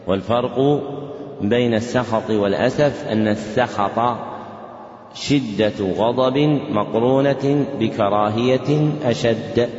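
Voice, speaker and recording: A male Islamic scholar teaching a class dictates a religious lesson in a large mosque, in a medium-pitched, darkish voice. He speaks in measured phrases, says each one twice, and lightly chants scripture lines. The recording is echoey, dull, and lo-fi.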